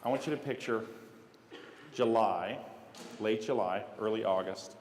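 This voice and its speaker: A man's voice: fairly low pitch, measured pace, a little hiss or hum. A middle-aged man from Las Vegas giving a motivational speech as a keynote speaker, acting out scenes with sound effects as he tells stories. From United States (Las Vegas). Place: large hall. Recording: echoey hall with long reverb.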